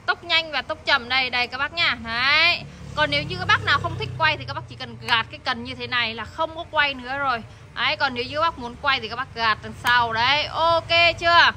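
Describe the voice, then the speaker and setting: A woman hosting a live hard-sell sales pitch, insistently repeating prices and urging buyers, with noise in the background. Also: fast talker, bright, forceful tone. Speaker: live sales host selling discount tools and gadgets. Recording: noisy background hum.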